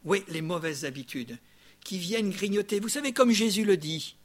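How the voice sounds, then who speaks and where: An older man preaching a sermon, his voice sitting a little high for a man. He talks to the congregation like a neighbour, lively and conversational, with frequent quick asides. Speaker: pastor.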